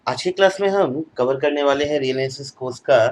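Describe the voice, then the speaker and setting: A man's voice: mid-range voice, a little hiss or hum, rough recording. A man giving a recorded online math lecture, mixing Hindi with English terms and repeating phrases as he writes them out. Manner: slow, repeats phrases while writing on board.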